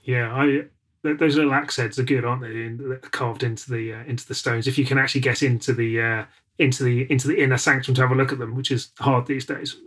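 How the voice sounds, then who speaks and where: Male host, casual, hesitant, reading listener questions, mid pitch. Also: level tone, fast, fairly bright tone. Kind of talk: casual interview hosting.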